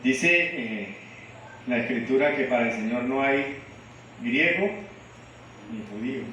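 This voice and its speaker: A man from Venezuela speaks fervently to a church congregation at an everyday male pitch. His voice rings through a very echoey hall from a mic set well away from him, with faint background noise. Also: animated, a little slow, pushed and bright, recorded from a distance, highs cut off. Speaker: church leader. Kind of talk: sermon.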